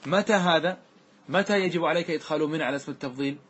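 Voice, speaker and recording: A man teaching classical grammar to a class, asking questions and answering them himself, and reciting verse lines slowly. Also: fairly high pitch, a bit bright, breathy edge.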